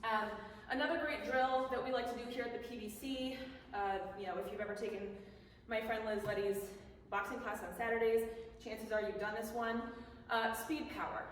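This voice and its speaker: A higher-pitched woman explains drills in a casual, conversational coaching style. Her voice comes from a distance in a very reverberant indoor space. She talks like an instructor walking a class through technique. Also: steady tone, normal speed. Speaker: boxing coach. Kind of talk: instructional talk on bag drills. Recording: echoey hall, distant mic, faint noise.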